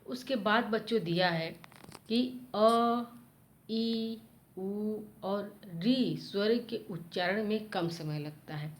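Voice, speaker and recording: Woman teacher, slow deliberate delivery, middle-pitched voice, sounds out letters one by one for children. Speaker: school teacher. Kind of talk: slow explanatory Hindi grammar lesson.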